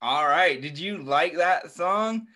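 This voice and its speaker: A man in his thirties hosts story time for young children over a video call from a small furnished room at home, speaking in an encouraging, simple, repetitive way through his computer mic. His voice is a little high and sharp, animated yet slow.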